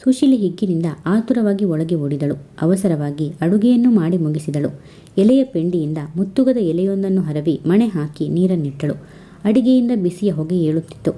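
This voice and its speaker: A woman narrating a family love story at a calm, even reading pace. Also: on the low side.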